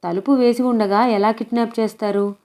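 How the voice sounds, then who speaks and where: A woman reading the lines of a brisk, skeptical young male police inspector in a storybook, with matter-of-fact questioning. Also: on the high side, steady tone, a little mellow, close to an everyday voice.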